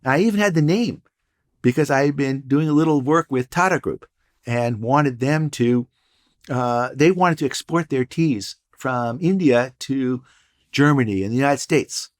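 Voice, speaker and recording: A man's voice: medium pitch, a little slow. An older man, a guest entrepreneur and professor, telling stories in a casual interview with dry, punning humor. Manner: storytelling, wry and punning.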